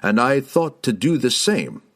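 A man doing a terse, wary dark elf. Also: medium pitch, very animated, measured pace, voice pushed up. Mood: guarded. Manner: terse, guarded.

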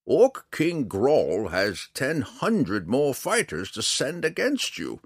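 A man voicing a proud, blind old hermit archer who speaks slowly and halts while searching for words. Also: medium pitch, wildly swooping pitch, husky, no room sound, clean studio sound, voice pushed up, exaggerated voice. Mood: earnest. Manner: slow, drawn-out delivery.

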